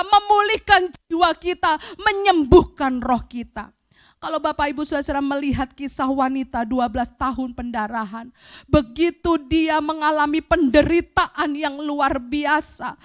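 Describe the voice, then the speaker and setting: Fervent woman pastor preaching. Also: sits high. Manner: fervent preaching that swells to loud, emphatic cries. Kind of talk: sermon. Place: church, streamed online.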